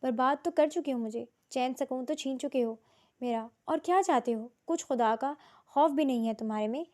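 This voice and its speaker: Woman doing angry young widow, tearful, shouting, storybook heroine. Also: high-pitched, natural voice. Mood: furious.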